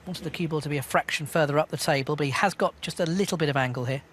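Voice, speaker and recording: A man giving hushed live snooker commentary in a measured, understated way. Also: a little high, slight background noise.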